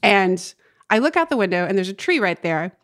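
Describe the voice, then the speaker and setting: A woman co-hosting a podcast, chatting casually and telling expressive stories. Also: mid-range voice, fairly quick. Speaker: podcast co-host. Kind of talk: casual chat.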